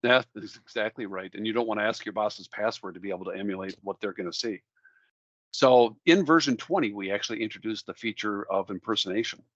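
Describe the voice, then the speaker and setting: A man with a Minnesota accent giving a casual software demo, talking through each step in a friendly way. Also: lowish voice, a little fast, no room sound, highs cut off. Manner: friendly, walks through steps out loud. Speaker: product demo presenter.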